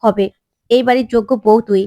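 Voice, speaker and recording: Kindly aunt, gentle and comforting, voiced by the storyteller, fairly high voice. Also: female voice, fairly even intonation, fairly quick, no echo, close to an everyday voice. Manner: gentle, encouraging.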